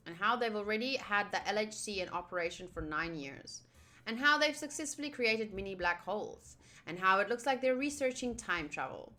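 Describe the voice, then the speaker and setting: A woman with a mid-range, pushed and bright voice livestreams a visual novel, chatting casually and reading the game text aloud while reacting to it and to her viewers. Game music plays in the background.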